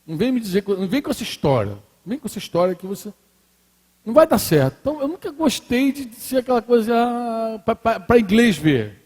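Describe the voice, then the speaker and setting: A middle-aged Brazilian man preaching a sermon as pastor, swinging between loud emphatic declarations and quiet confessional asides. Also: very high-pitched, big pitch swings, fast, slightly rough. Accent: Brazilian Portuguese. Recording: long hall reverb.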